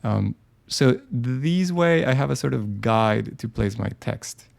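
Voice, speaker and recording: In a live screen-share session, a man explains design software as he works, casually thinking aloud with lots of ums and restarted sentences. He has a mid-range, warm, heavily gravelly voice and an easygoing, unhurried delivery.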